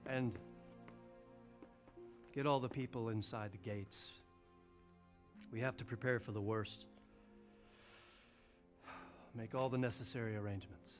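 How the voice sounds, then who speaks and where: A man's voice: lowish voice, steady tone, moderate pace, pauses often, soft background music, close to an everyday voice. A man voicing a grave, commanding castle lord. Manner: formal, authoritative orders.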